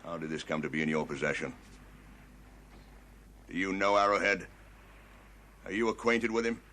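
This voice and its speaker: An actor playing a stern middle-aged army sergeant in a period television drama, blunt and authoritative. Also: male voice, low-pitched, little pitch movement, normal speed, pushed and bright, a little hiss or hum. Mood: stern questioning.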